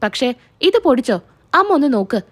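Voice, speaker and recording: A woman's voice: sits high, big pitch swings, a little fast. Woman reading as a scolding scheming mother-in-law. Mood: accusing. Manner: accusing, scolding.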